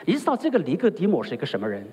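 A man's voice: fairly high pitch, huge pitch swings, very fast, dark tone, breathy edge, big-room sound. A man preaching a sermon as pastor, who keeps asking his listeners rhetorical questions. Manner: rhetorical, often asks the listeners "right?".

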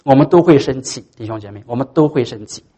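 A man preaching a sermon as pastor. He is emphatic and swings from loud peaks to soft asides. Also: mid-range voice, lively intonation, fast, husky.

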